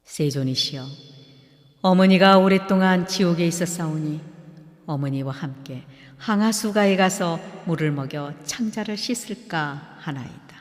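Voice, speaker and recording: A man's voice: on the high side, a little slow, natural voice. A man reading the lines of a devoted young monk who pleads formally and reverently for his mother. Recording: long hall reverb.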